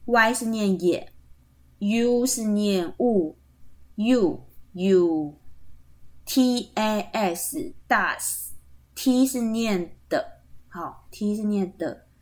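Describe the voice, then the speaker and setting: A woman with a Taiwanese Mandarin accent teaches on a podcast in an unhurried, measured way. She spells each word out letter by letter and keeps checking in with her listeners. Her voice sits at an ordinary pitch for a woman. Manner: spells words out letter by letter, patient and explanatory; frequent tag particles seeking agreement. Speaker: podcast host teaching Atayal kinship terms. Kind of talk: podcast language lesson.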